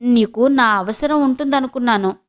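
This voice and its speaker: A woman reading a frail old man who pleads softly. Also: a little high, moderate pace, close to an everyday voice. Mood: pleading. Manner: soft and pleading.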